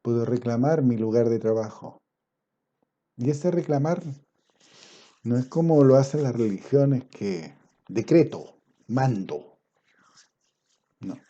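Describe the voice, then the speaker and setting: Dark-voiced preacher man, lively pitch. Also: dull audio. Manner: swings between loud emphatic passages and low quiet asides; quotes scripture in a slow, drawn-out cadence. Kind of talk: sermon.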